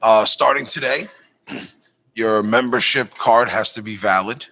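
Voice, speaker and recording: A man hosting a casual cannabis talk show, chatting in a relaxed, announcer-like way. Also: fairly low pitch, a little slow, rough recording. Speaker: podcast host. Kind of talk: casual chat.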